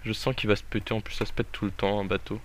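A young man giving jokey, excitable let's play commentary, talking to the game as he plays. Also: on the low side, quick pace, a little hiss or hum. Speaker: gaming YouTuber.

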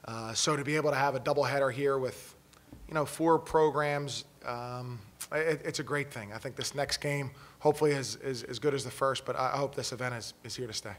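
A man in his thirties, a head coach answering questions at a postgame press conference, talking in halting phrases with many restarts, into a table mic in a press room. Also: mid-range voice.

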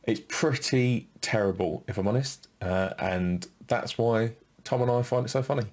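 A man co-hosting a podcast, talking in a relaxed, halting way as he thinks aloud. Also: medium pitch. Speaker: podcast co-host. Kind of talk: casual podcast commentary.

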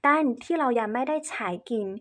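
Lady teaching in thai as a foreigner, a bit halting, polite, highish voice. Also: fairly bright tone. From China. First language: Chinese. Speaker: presenter on cultural etiquette. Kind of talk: explanatory lesson to camera.

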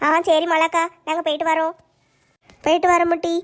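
Very high-voiced woman. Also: monotone, brisk, fairly bright tone. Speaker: daughter-in-law in a family skit. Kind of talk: family comedy skit acting.

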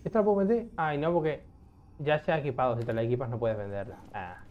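A young man giving casual gameplay commentary, excitable, swearing often and talking to himself as he plays. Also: medium pitch, fast, lo-fi sound. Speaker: gaming streamer.

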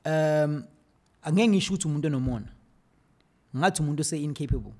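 A man in his thirties speaks quickly and eagerly in a slightly high voice. He talks casually as a podcast guest, sliding between English and Zulu. He's recorded close on a desk mic in a small dark studio. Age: 30s. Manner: fast, animated, mixes English with Zulu. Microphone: desk mic on boom arm.

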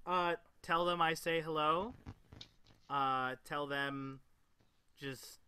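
A man's voice: on the high side, steady tone, slow pace, bright, forceful tone, clear, resonant tone. Man with a showy quizmaster voice. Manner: profane, teasing, reads questions in a showy quizmaster voice. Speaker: game show host. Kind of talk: crude comedic quiz hosting.

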